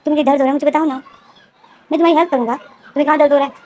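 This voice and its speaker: A woman's voice: high-pitched, steady tone, rapid-fire, darkish tone, natural voice. A woman voicing a worried, caring young man who pleads anxiously and repeats himself. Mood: pleading.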